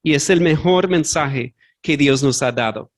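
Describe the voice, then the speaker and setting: In a church sanctuary, a male pastor delivers a sermon in a voice that sits high for a man, unhurried, earnest and direct. Since Spanish isn't his first language, he sometimes pauses to search for a word and corrects his slips aloud.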